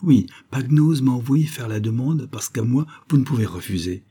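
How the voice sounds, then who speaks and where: A man voicing a lively, playful little girl with an English accent in an audiobook, raising his voice high and eager. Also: moderate pace, husky.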